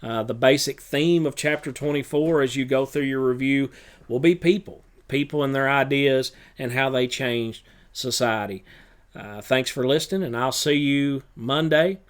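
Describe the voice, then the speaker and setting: Smooth-voiced male teacher reviewing notes. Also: mid-range voice, normal speed. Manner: relaxed, with many filler uhs. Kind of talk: recorded review lesson.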